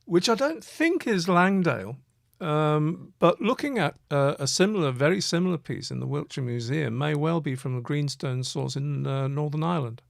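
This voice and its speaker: Man, co-host, casual live Q&A chat, gravelly fry in the voice, slightly high, dry close sound, hesitant with fillers. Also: expressive, moderate pace, hardly any pauses, no echo. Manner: hesitant, many fillers and restarts.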